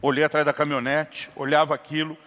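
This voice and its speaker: A man's voice: on the high side, flat delivery, fast, a bit bright. A middle-aged Brazilian pastor with a Brazilian Portuguese accent, preaching a sermon and acting out dialogue as he tells a story. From São Paulo state, Brazil. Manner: acts out dialogue in a story, builds to impassioned preaching. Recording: long reverb of a church hall.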